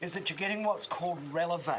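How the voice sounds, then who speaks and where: A man's voice: sits high, fast talker, fairly bright tone, a little hiss or hum. A man with a New Zealand accent demonstrating a recipe on a cooking show, chatty and instructive with joking asides.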